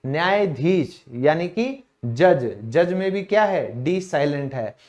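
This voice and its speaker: Indian male English teacher, higher voice, casual lesson delivery, poses questions then answers them. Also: animated, takes it slowly, darkish tone. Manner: casual and direct, calls listeners brother. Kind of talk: classroom-style lesson.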